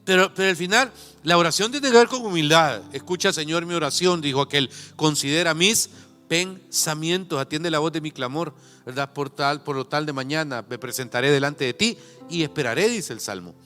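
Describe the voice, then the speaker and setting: Salvadoran male preacher, smooth clear voice, slow scripture reading mixed with folksy asides, recorded in a reverberant church hall. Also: on the high side, sharp tone, faint music behind. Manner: reads scripture slowly, then breaks into folksy asides. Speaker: pastor. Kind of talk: sermon.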